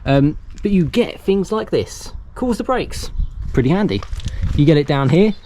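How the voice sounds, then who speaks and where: A man's voice: a little high, sing-song, normal speed, dark tone, slight background noise. A young man giving a casual walkaround car review outdoors, chatty and loose, laughing between lines. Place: outdoors beside cars.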